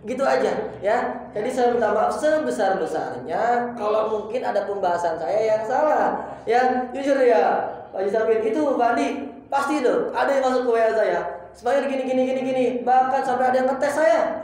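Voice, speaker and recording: Echoey young ustadz, apologetic lecture. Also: male voice, extremely high pitch, moderate pace, darkish tone. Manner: colloquial, apologetic, repeats phrases for emphasis. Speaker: ustadz teaching a religious study circle. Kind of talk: informal religious study lecture. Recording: very echoey room.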